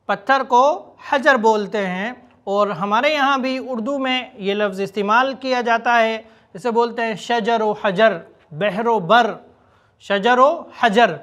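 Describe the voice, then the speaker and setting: A man teaching a spoken language lesson, explaining words quickly and then repeating example phrases slowly and deliberately. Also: extremely high pitch, fairly bright tone. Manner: slow, drawn-out repetition of example phrases. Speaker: Arabic teacher.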